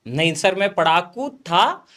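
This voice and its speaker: A young guest influencer in a motivational chat tells students about failing and studying again, his high voice sing-song, slow and sharp-toned. Earnest and direct, he calls the viewers guys and keeps addressing the host as sir.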